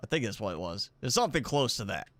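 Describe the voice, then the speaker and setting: A man talking his way through a building game on stream, loose and rambling with easy chuckles. His voice sits in a middle register and sounds close and dry, with almost no room around it. He comes across as relaxed and unhurried, more thinking aloud than presenting. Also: mid-range voice, dry recording. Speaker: gaming channel host. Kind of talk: casual live gameplay commentary. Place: indoors at home with a pet dog.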